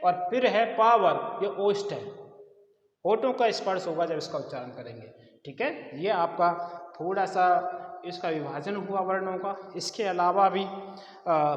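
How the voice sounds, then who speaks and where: A man's voice: high voice, fairly bright tone. A man teaching a Hindi grammar lesson who explains patiently and repeats key terms. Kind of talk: classroom lesson. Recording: echoey hall, dull lo-fi sound.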